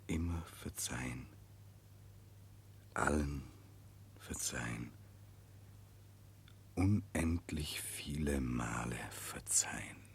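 An actor in a 1960s German radio drama playing a brooding, remorseful prince, grave and introspective. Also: male voice, rumbling low, gravelly, slight background noise, exaggerated voice. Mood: solemn, pleading. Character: brooding, remorseful Russian prince searching for redemption.

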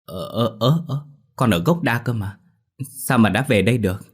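A man's voice: fairly low pitch, a little fast, husky. A man voicing a frightened seventeen-year-old village girl who asks stammering, agitated questions.

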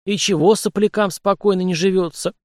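A man's voice: high-pitched, fairly even intonation, a little fast, darkish tone, no echo, pitched above the performer's own voice, close to an everyday voice. Man playing an old fussing prince, raised voice, dry sound. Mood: fretful. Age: older. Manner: sighing, fretful.

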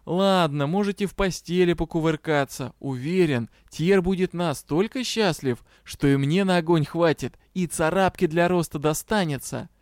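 A man's voice: a little high, normal speed, hardly any pauses, darkish tone, no room sound, clean studio sound, lightly acted. A man playing a brash, teasing dragon. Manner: brash, teasing, mock-indignant. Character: cheeky male dragon, teasing and shameless.

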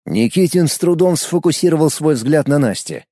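A man reading an audiobook with expressive storytelling. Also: a little high, normal speed, no room sound, clean studio sound. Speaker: audiobook narrator. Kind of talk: scripted narration.

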